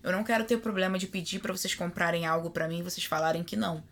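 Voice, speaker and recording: Fast-talking Brazilian woman host. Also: lowish voice. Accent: Brazilian Portuguese. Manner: fast, slangy and expressive, swears casually. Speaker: podcast host. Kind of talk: casual interview chat.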